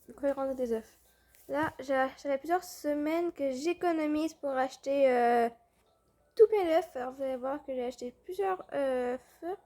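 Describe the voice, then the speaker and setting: Casting: young woman, high voice, chatty gameplay host. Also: warm tone. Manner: chatty, with fillers and restarts. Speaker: gaming video host. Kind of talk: casual gameplay commentary.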